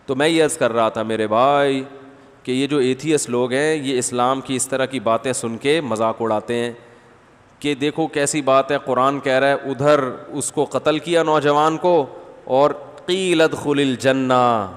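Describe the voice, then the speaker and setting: A man giving a conversational sermon as a religious scholar, addressing listeners as brother and reciting verses between his points. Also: medium pitch. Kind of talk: Ramadan sermon after night prayers. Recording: long hall reverb.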